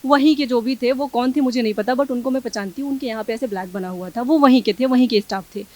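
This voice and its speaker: Fast-talking young woman. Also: on the high side. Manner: animated, quick, acts out quoted exchanges. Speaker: interviewee. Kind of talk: news interview, recounting an incident.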